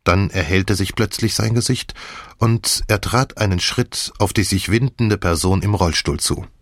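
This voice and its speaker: A man narrating a crime novel in the first person with measured, even storytelling. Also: low-pitched, dry recording, clean studio sound. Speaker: audiobook narrator.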